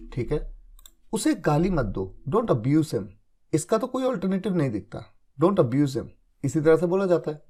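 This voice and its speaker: A male English teacher with a high, bright-sounding voice talks through example sentences one by one. He explains patiently, keeps checking that his students follow, and reads the English phrases slowly and deliberately. His pitch swings up and down a great deal as he talks. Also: breathy edge. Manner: explains patiently, checks understanding with repeated confirmations. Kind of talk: spoken English lesson in Hindi.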